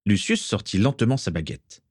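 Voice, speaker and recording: A man narrating a storybook aloud, his reading expressive and full of movement. His voice sits low, and the pitch rises and falls a great deal. It is recorded close and dry. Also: normal speed, no echo. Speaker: audiobook reader.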